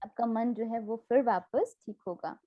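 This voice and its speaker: A woman's voice: on the high side, normal speed, no room sound, dull audio. Woman teacher giving a devotional class. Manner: explains with homely examples, asks listeners questions. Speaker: spiritual teacher.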